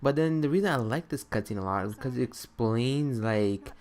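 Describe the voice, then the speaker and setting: In an animated, slightly mellow mid-range voice at normal speed, a young creator presents his countdown of favourite games. The talk is relaxed and rambling, peppered with self-directed questions.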